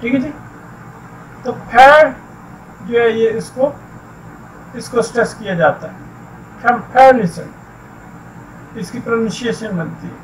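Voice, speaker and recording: Man, very high voice, patient textbook teacher, distant mic with faint noise. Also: expressive. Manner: explains slowly, repeating words and "theek hai ji". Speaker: English teacher. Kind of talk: textbook grammar lesson.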